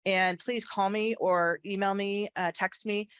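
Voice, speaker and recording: Woman, medium pitch, persuasive meeting speaker, emphatic, repetitive on key points, slight retainer slur, dry sound. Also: steady tone, measured pace, clean tone, no echo. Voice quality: slightly slurred from wearing a retainer. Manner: earnest, emphatic, repeats key phrases. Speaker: association government affairs staff speaker.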